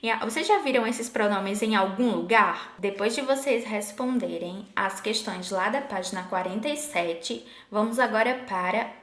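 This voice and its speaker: A woman's voice: medium pitch, a bit bright. Patient woman teacher in an echoey room. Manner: patient, asks the class questions, slows to spell out sample words. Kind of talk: online Portuguese lesson.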